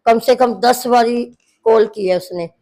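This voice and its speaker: A woman's voice: on the high side, unhurried, gravelly, warm tone, low-quality recording. A middle-aged woman, the mother-in-law in the story, recounting a family quarrel to a reporter, narrating at length and quoting what each person said. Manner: long narration full of quoted dialogue.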